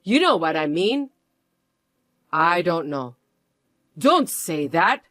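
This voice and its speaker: A reader voicing an older, entitled mother-in-law who is shrill, pushy and indignant in a scripted audio story. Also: very animated, slow pace, fairly bright tone, dry recording, exaggerated voice. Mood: indignant, demanding.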